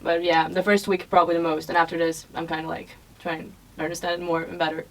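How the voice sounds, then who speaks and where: A young woman from Croatia, chatting casually as a guest in a soft, hedging way. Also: on the low side, little pitch movement, quick pace. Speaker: guest, student. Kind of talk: casual chat. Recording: distant mic.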